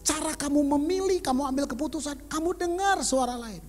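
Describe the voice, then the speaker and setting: A man preaching a sermon as pastor, animated, swinging from loud emphasis to whispers and mixing in English words. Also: very high-pitched, a little fast. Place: church auditorium.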